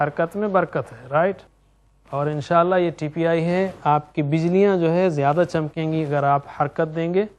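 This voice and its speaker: A middle-aged man teaching Quranic Arabic grammar, chanting verb forms in rhythmic drills and explaining them in sprinkled with English words. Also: high-pitched. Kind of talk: classroom lecture with drills.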